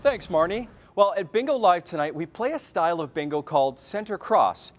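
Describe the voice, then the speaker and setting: A man's voice: high-pitched, lively intonation, moderate pace, slight background noise. A man presenting a live TV bingo show as co-host in a polished, upbeat announcing style. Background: music behind the voice.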